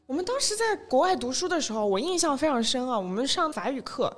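A woman from Shanghai chats in a podcast, her voice pitched a little high and bouncing up and down. She talks quickly and tells stories, playing out the people in them. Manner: chatty, lively storyteller, quotes people and mixes in English phrases. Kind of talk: casual chat.

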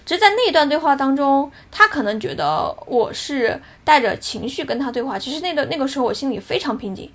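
A woman's voice: high voice, animated, brisk, few pauses, fairly bright tone. A woman in her thirties on a casual podcast, telling a personal story in an earnest, reflective way. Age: 30s. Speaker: podcast co-host.

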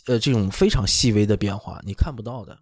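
A middle-aged orthopedic doctor, whose first language isn't Chinese, explains things casually on a talk show, often asking "right?" to make sure you follow. His voice sits lowish and moves at a quick pace. The recording is dry.

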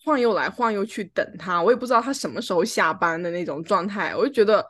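A podcast co-host recording at home, this woman talks fast in a mid-range voice. In casual chat, she recounts a personal story and acts out an argument's lines.

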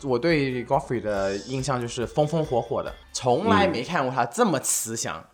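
A man's voice: mid-range voice, big pitch swings, moderate pace. A man hosting a casual podcast chat, asking the guests questions and laughing along. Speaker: host.

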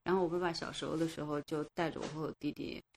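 A woman chatting on a casual podcast with a gravelly, creaky voice and a low pitch. She speaks playfully, teasing lightly, and faint noise hums behind her. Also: level tone, fast talker, a little mellow. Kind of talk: casual chat.

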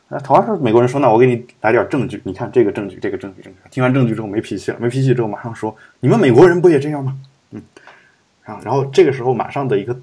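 A man hosting a casual podcast chat, thinking out loud at length. His voice sits low and has a husky, breathy edge. He pauses often on fillers and circles back to restate his point. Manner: rambling, reflective, many fillers and restarts. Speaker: podcast host.

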